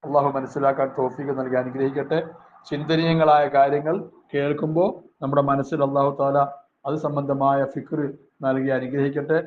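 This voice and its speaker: A man teaching a religious class, reading Arabic phrases and explaining each one in a slow, measured way, with short prayers between. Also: medium pitch, little pitch movement. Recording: tinny phone-like audio with faint hiss.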